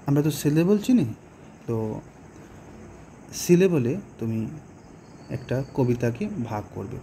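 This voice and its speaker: Slow, mellow-voiced Bengali teacher. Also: male voice, mid-range voice, sing-song, a little hiss or hum. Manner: explains slowly, with hesitations and rhetorical questions. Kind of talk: poetry lesson explanation.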